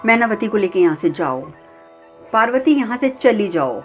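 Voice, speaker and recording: A woman's voice: medium pitch, very animated, normal speed, close to an everyday voice. Woman narrator as a captive king father, desperate, calling out, dull lo-fi, sitar underneath. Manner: shouting pleas to his daughter. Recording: slightly dull, faint sitar music.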